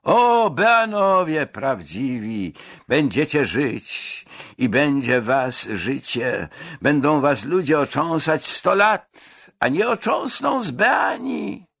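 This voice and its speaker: Guy narrating as a pompous official lecturing the young ones, husky, slow and swooping, grand preachy tone. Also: on the high side, expressive, a bit bright, no echo, clean studio sound, exaggerated voice. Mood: preaching. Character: pompous mustached older man lecturing youths.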